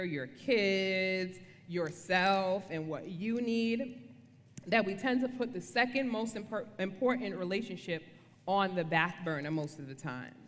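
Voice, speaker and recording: A woman's voice: medium pitch, a bit bright. A woman giving a casual devotional talk on marriage as co-speaker, conversational and playful, often checking for agreement. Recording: reverberant room.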